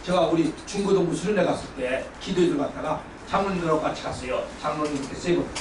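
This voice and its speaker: A male pastor giving a lively sermon lecture, exuberant and loud, often shouting and leading the congregation in call-and-response. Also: fairly high pitch, quick pace. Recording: roomy hall from far off, faint background noise.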